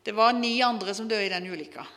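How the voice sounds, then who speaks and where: Woman, preacher, earnest sermon storytelling, bright tone, long hall reverb. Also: medium pitch. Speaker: preacher telling a testimony.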